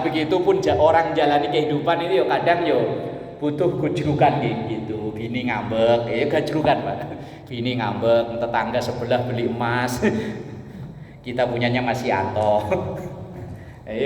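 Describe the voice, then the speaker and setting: A man's voice: mid-range voice, darkish tone. A man, preaching in a joking, storytelling way and often turning to address the men listening. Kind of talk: humorous religious talk. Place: prayer gathering hall. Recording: echoey hall with long reverb, faint noise.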